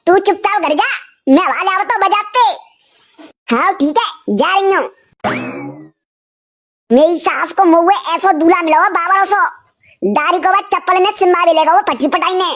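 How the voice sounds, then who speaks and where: A man voicing a sharp-tongued village woman who scolds and threatens. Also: very high voice, moderate pace, long pauses. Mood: grumbling.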